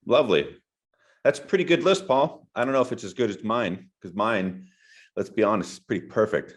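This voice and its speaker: A young man with a very deep voice chats about films on a podcast. He is relaxed and teasing, and often chimes in with short remarks. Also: fairly quick. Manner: laid-back, teasing, brief interjections. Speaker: podcast co-host. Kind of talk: casual film debate.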